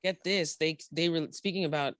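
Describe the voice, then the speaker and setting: A man's voice: a little high, fairly even intonation, normal speed, fairly bright tone, clean tone, dry recording, clean studio sound. A man co-hosting a casual podcast chat from a remote mic, rambling and trailing off mid-thought. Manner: rambling, trails off, says dude a lot. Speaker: podcast co-host. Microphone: remote call mic.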